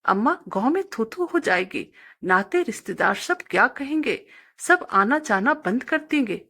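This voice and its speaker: Meek village son, read by a woman, yielding, husky, gravelly, storybook reading. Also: on the high side, lively intonation, unhurried, bright, forceful tone, full character voice. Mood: protesting. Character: poor young village man, dutiful, meek son.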